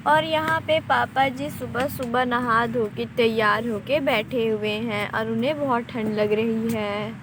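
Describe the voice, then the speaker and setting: A woman narrating a homemade doll story, her voice high and plainly explaining. Noticeable hiss sits under the recording. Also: unhurried, few pauses. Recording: noisy home recording.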